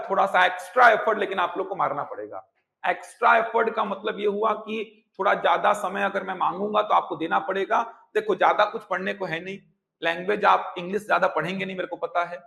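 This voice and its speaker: Male coaching teacher, bright edge, high voice, teaching in an echoey classroom. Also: gravelly. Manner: explains by repeating terms in Hindi and English. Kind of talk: classroom lecture.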